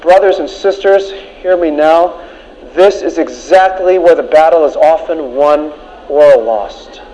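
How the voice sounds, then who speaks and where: A man's voice: fairly high pitch, a little slow, mellow. Emphatic male preacher, dull recording. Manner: emphatic, repeats key lines. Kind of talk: sermon.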